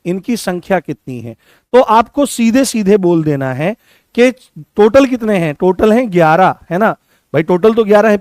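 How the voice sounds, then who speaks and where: A male teacher coaching students for an exam. He repeats key points, quizzes the class with questions and stretches vowel sounds out slowly to show them. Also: high-pitched, no echo, clean studio sound. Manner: addresses students affectionately as "babu".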